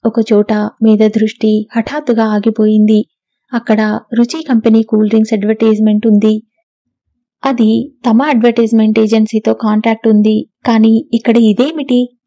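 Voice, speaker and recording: A woman narrating a novel as an audiobook, in steady, even storytelling. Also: fairly high pitch, no room sound. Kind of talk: scripted narration. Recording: dull, dry lo-fi recording.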